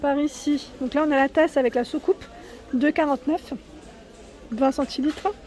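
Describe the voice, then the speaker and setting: A woman with a high, bright-toned voice films a casual shopping vlog as she walks through a large store. She talks straight to her viewers in a chatty, friendly way and keeps tagging "hein" onto her sentences. The sound comes from a handheld phone. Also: fairly even intonation, moderate pace, soft background music. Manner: chatty, adds "hein" often, addresses viewers directly. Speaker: vlogger showing store products. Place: inside a large furniture store, filming while walking.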